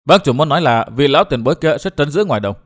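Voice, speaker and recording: A man voicing a shrewd, deferential middle-aged male strategist in an audiobook, speaking politely and in a measured way. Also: on the high side, expressive. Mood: respectful.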